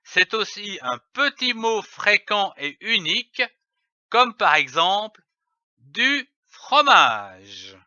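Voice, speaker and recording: A man giving a scripted reading lesson, spelling letters and syllables out slowly and clearly. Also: high voice, very animated, pushed and bright, no echo. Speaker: reading teacher. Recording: dull, slightly lo-fi audio.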